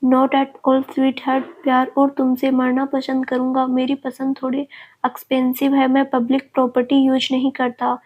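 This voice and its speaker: A woman's voice: high voice, monotone, measured pace. A woman voicing a bitter, contemptuous young man with a harsh, accusing manner. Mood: angry, scornful. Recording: dull lo-fi recording.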